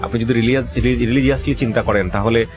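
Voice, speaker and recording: Speaking over music, a male radio host with a Bangladeshi accent keeps a steady tone and quick pace as he advises a guest on a life-story show. His mid-range voice carries an insistent, questioning push, sprinkled with English phrases.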